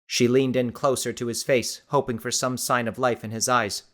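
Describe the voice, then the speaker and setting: Man narrating a tense audiobook. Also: medium pitch. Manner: steady, measured storytelling. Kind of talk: scripted narration.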